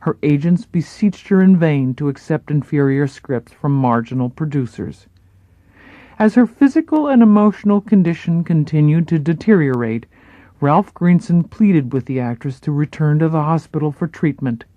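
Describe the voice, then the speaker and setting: A narrator giving a measured, dramatic scripted reading of a story. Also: medium pitch, lively intonation, dark tone, no echo, lo-fi sound.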